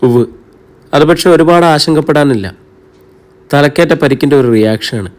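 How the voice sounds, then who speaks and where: A man reading a calm, confident doctor. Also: fairly high pitch, normal speed, close to an everyday voice. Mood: reassuring. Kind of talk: audiobook character reading.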